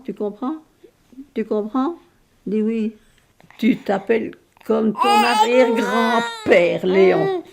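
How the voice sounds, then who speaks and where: A great-grandmother in her nineties from Belgium, telling her life story to a baby in a halting, emotional way with many restarts. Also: mid-range voice, creaky, darkish tone. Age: over 90. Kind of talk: intimate spoken memoir.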